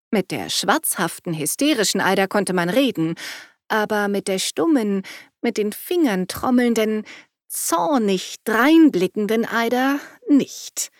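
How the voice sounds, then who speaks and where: Lady reading an audiobook, steady storytelling voice, dry close sound. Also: mid-range voice, no room sound. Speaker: audiobook narrator. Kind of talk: scripted narration.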